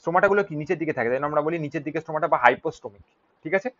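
A man teaching biology for an exam, mixing in English terms and often asking rhetorical questions and checking "clear?". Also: on the high side, very fast, a bit bright, no room sound. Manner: mixes Bengali with English terms. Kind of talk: exam-prep lecture. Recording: dull lo-fi recording.

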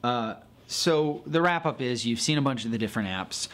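A man's voice: medium pitch, lively intonation, moderate pace, a bit bright. A man co-hosting a podcast, chatting casually and explaining, with frequent fillers and restarts, recorded inside a comic store. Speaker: podcast co-host reviewing comic apps. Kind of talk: casual chat.

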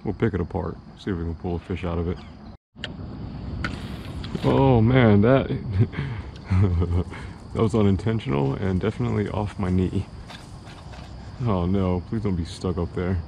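Young male fishing vlogger, unhurried, easygoing chatter outdoors on the water, clear lake noise underneath. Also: low voice. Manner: chatty, self-deprecating, talks to himself and the fish. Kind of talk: casual running commentary while kayak fishing. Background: water and outdoor ambience.

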